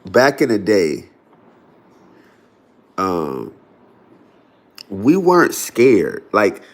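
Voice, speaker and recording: His voice is on the low side and extremely slow, swinging hugely in pitch. He's a man in his forties from Florida hosting a livestream, chatting loosely with viewers and saying "y'all" and "right?" a lot.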